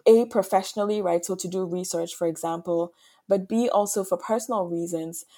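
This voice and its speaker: A woman from Ghana speaks as a guest on a podcast interview, working through her answers thoughtfully. Her voice sits a little low and sounds warm and mellow. She often restarts her phrases and checks in with a quick "right?". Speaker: author and guest.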